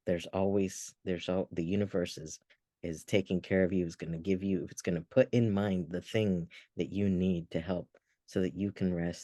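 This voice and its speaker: A man's voice: deep voice, mellow, no echo. A man co-hosting a podcast, telling a personal story in an earnest, reflective way with frequent restarts. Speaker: podcast co-host. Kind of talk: casual podcast chat.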